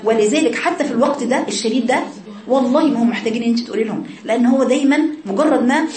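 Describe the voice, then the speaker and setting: Fast-talking Egyptian woman teaching religion. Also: fairly high pitch, echoey room. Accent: Egyptian Arabic. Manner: earnest, emphatic and repetitive. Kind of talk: religious lesson to women.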